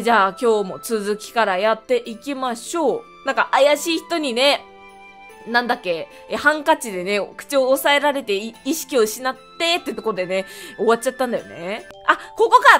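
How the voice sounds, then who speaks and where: Excitable woman gaming streamer. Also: high voice. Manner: excitable, gushing, animated reactions. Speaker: game streamer. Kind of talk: let's play commentary.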